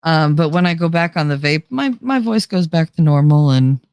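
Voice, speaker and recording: Speaking at a moderate pace, this young woman has a low, slightly mellow voice that is clear and resonant, though the dry recording sounds dull. She's a livestream host close to her desk mic, chatting and rambling as she reads live comments, laughing a lot and sounding a bit nasal from a cold.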